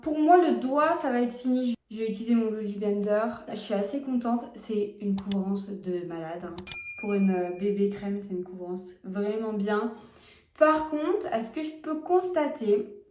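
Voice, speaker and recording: With a mellow, medium-pitched voice in an echoey room, a young beauty vlogger talks frankly and chattily with her viewers. She's applying products during a casual makeup test vlog recorded on her phone at home.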